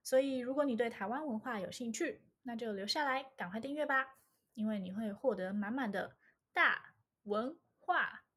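A young woman speaks in a fairly high voice with a Taiwanese accent. She is a native Mandarin speaker from Taiwan. Her delivery is a scripted channel introduction with a playful, tongue-in-cheek manner. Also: normal speed, a bit bright, husky. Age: young adult. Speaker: channel host.

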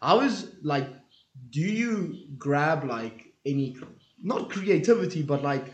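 Lively young man. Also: a little high, muffled recording. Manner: lively, swearing, quick to laugh. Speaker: podcast host. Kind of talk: casual podcast chat. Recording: roomy echo.

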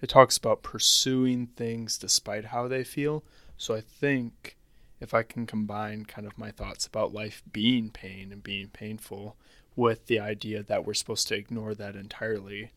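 A man's voice: fairly low pitch, little pitch movement, unhurried, fairly bright tone, dry recording. Wry, rambling man on a podcast. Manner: rambling, wry, laughs often. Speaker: podcast co-host. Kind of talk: casual chat.

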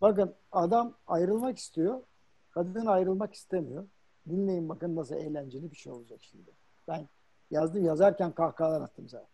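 Brief: male co-host, casual and amused, mellow and slightly husky. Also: fairly high pitch, normal speed. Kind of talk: casual chat on a show.

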